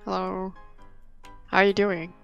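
A woman's voice: medium pitch, measured pace, creaky, dull audio, faint music behind. A woman in her twenties with a dry, coughing throat, chatting easygoingly in a gaming voice chat. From Netherlands. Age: 20s. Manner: easygoing, relaxed. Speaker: paid gaming companion.

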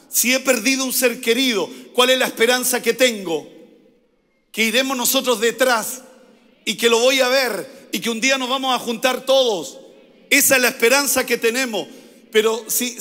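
A Chilean-accented male pastor delivers a sermon in a high, bright, forceful voice. He repeats key phrases and has the congregation say lines back to him. His voice rings with the long reverb of a church hall. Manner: preaching with repeated phrases and call-and-response.

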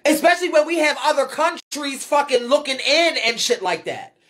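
At a normal speed, with a high and fairly bright voice, this American live streamer delivers an unscripted rant replying to viewer comments. As a ballroom scene commentator she's blunt and emphatic, swearing a lot and repeating phrases.

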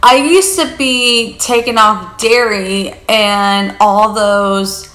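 A woman's voice: mid-range voice, fairly even intonation, drawn-out words, a bit bright, echoey room. A young woman talking to camera in a casual vlog, rambling chattily and filling her talk with "like" and "you guys". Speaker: vlogger. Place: living room on a leather couch.

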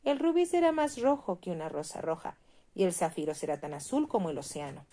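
A woman's voice: lowish voice, sing-song, a little fast, mellow. A woman voicing a kind, devoted female swallow in a read-aloud fairy tale, speaking tenderly and pleadingly.

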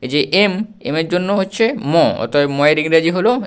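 Guy teaching spelling, slightly high voice, spells out every word letter by letter, slow and repetitive. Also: clean tone. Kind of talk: spelling lesson.

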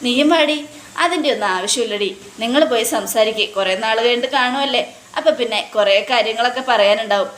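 A woman's voice: a little high, fast talker, fairly bright tone, close to an everyday voice. A woman voicing an outspoken young female friend, in a plain retelling voice. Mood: friendly. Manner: plain retelling voice, barely changed. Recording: echoey room, faint noise.

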